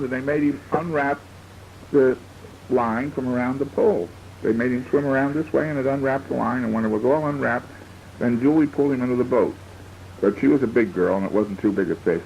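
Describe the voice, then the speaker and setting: Older man, grandfather telling a bedtime story, lively swooping pitch, dull lo-fi home tape. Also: a little hiss or hum. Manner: rambling, homey, repeats and restarts, explains words to the child. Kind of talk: improvised storytelling to a child.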